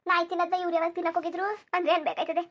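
A put-upon young village daughter-in-law, voiced by a woman for a family cartoon, rambling through her grievances. Her voice sits high and her pace is quick, and she. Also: little pitch movement, fairly bright tone. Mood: grumbling. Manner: complaining, rambling grievance monologue. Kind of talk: cartoon voice acting.

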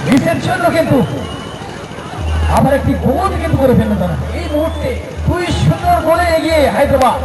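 A man giving excited, frantic, emphatic live football commentary. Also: extremely high pitch, a little fast. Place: outdoors at a football ground. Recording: echoey outdoor PA sound, music, loud crowd. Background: music and loud crowd.

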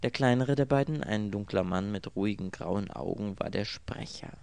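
Low, gravelly male audiobook narrator. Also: normal speed, darkish tone, dry recording.

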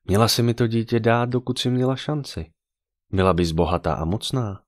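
A man's voice: medium pitch, no room sound, voice pushed up, natural voice. A man voicing a cruel female necromancer who speaks in a sweet, childlike voice. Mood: menacing.

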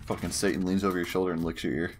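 Low-voiced man joking with friends. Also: level tone, very fast, a little hiss or hum. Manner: jokey, crude, puts on silly accents. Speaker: gaming channel host. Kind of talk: casual gaming banter with friends.

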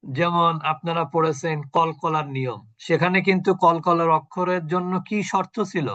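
A man with a high, bright voice teaches Quran recitation in an online class. He goes step by step and puts questions to his students before answering them himself. The audio is dull and lo-fi, like a video call. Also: fairly even intonation, moderate pace.

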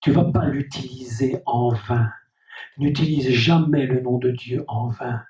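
A pastor preaches a sermon, repeating key phrases and addressing the congregation directly in an unhurried, medium-pitched, dark-toned male voice. The recording is dull and echoey, made in a hall from a distant mic.

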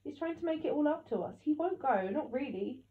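A woman voicing an anxious, heartbroken mother who pleads in a high, emotional voice. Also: expressive, fairly quick. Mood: distressed. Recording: echoey tinny phone-like sound.

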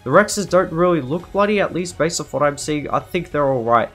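A man's voice: fairly high pitch, animated, fairly quick, fairly bright tone, soft background music. A man giving live commentary over his gameplay, frantic and anxious, repeating himself over and over as he talks. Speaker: gaming video creator.

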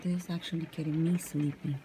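Young woman, relaxed rambling ASMR talk, mellow low voice, close mic in a car. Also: fast talker, a little hiss or hum, rough recording. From California. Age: young adult. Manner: softly spoken, rambling and casual while brushing her hair. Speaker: vlogger. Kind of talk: soft-spoken ASMR chat. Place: parked car at night, rain outside. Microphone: camera close up.

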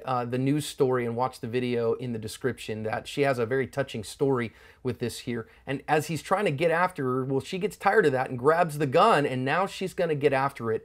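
This middle-aged American man, speaking in a mid-range voice into a lapel mic, hosts a self-defense commentary meant to instruct. He comes across as emphatic and teacherly, with a folksy way of putting things.

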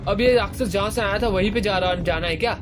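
A young man giving casual, excitable commentary while playing a horror game, swearing playfully and yelping high when scared. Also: fast talker, noisy background. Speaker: gaming YouTuber. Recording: game music loud behind voice. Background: horror game music.

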